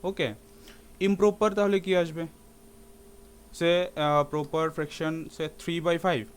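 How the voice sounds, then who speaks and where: A man's voice: a little high, unhurried. Man teaching math. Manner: asks students rhetorical questions, mixes English terms. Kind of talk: classroom lecture.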